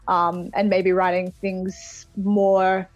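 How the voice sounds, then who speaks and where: A woman's voice: medium pitch, level tone, takes it slowly, dry recording, soft background music. Australian woman, chatty, on thin dry call audio. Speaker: singer-songwriter guest being interviewed. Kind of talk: casual chat interview. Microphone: video call. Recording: phone-like thin sound of video call.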